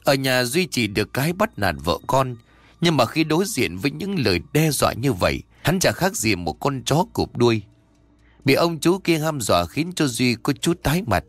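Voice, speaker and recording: A man narrating a ghost story in a lively, expressive storytelling manner. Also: mid-range voice, moderate pace, no room sound.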